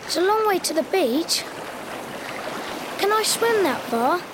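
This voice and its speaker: A woman voicing an excitable young boy adventurer in a children's story, with clearly spoken, exaggerated questions and exclamations. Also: very high voice, measured pace, very noisy, exaggerated voice. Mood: alarmed. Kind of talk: scripted children's story dialogue for language learners.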